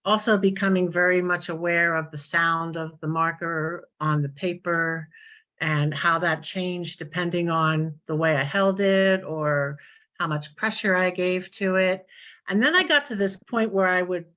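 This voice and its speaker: A woman taking part in an art workshop, sharing her thoughts in a measured way. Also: lowish voice, steady tone, fairly bright tone, dull audio. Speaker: workshop participant. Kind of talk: casual group discussion.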